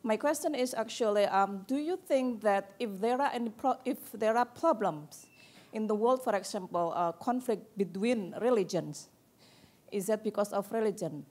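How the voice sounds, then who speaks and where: A woman's voice: mid-range voice, normal speed, darkish tone. A woman from Indonesia with an Indonesian accent, asking a panel a question and hesitantly searching for her words. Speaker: audience member asking a question.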